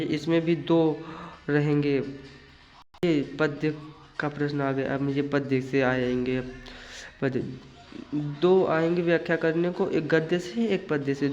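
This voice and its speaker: Slow, flat-voiced man explaining an exam. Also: fairly high pitch, dull audio. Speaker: teacher.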